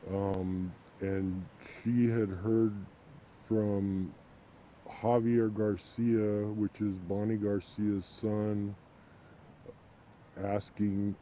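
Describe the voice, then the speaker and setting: A man with an electronically disguised, lowered voice, giving halting interview answers as an anonymous witness. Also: warm tone, muffled recording, slight background noise. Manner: hesitant, halting with fillers. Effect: voice electronically disguised, lowered and darkened.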